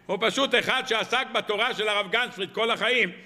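A man's voice: sits high, pushed and bright, big-room sound. A man, a rabbi, giving a storytelling sermon on the weekly Torah portion, firing off rhetorical questions and anecdotes. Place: evening lecture hall.

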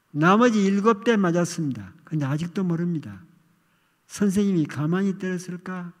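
An older male pastor giving a sermon testimony, telling a childhood story with animated, acted outcries. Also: a little high. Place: church sanctuary. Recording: long reverb of a church hall.

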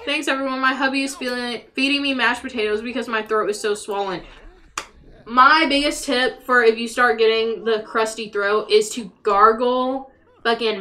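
A young woman casually commentating on a game as a live streamer and chatting with viewers, sweary and excitable. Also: mid-range voice. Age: young adult. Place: small room at home, indoors.

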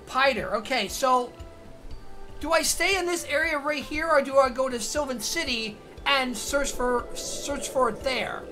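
A woman streams a game and thinks aloud, asking herself questions about where to go next. Her voice is bright and slightly high. Faint game music runs under her talk. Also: a little slow. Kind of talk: casual gameplay commentary.

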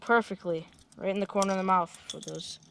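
A young male angler chatting casually on a small river boat, chiming in eagerly with quick agreement. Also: high voice, steady tone, vocal fry, a bit bright. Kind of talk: casual chat. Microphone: action camera on the boat. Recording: outdoor camera mic with noise.

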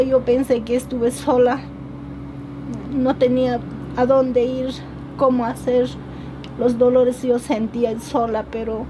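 A woman from Peru, giving a halting, earnest documentary testimony with many repetitions. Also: high-pitched, noisy background. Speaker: interviewee.

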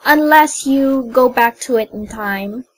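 Over a video game, a young woman with a high voice coaches her mother in a bossy, teasing way and is quick to scold her. The recording is low quality, with faint noise in the background.

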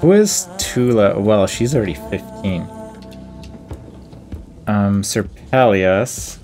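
A man with a fairly low, expressive, slightly mellow voice provides slow, casual gameplay commentary. He deliberates over his choices out loud, musing to himself against faint game music.

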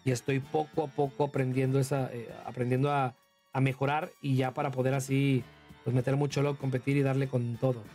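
A man's voice: fairly high pitch, a little mellow. A man with a Mexican accent chatting casually on a livestream, talking through his game moves and thanking viewers by name. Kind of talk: casual livestream gaming commentary.

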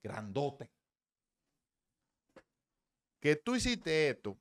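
A man's voice: a little high, sing-song, drawn-out words. A man, a baseball hitting coach, giving blunt, profane, emphatic swing-analysis commentary.

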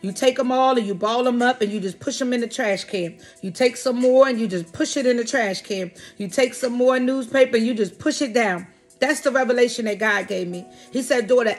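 A woman preaching a lively sermon to her online congregation, repeating phrases, calling out to viewers by name and crying hallelujah. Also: fairly high pitch, normal speed, faint music behind. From Philadelphia. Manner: repetitive, exclamatory, frequent hallelujahs and laughs.

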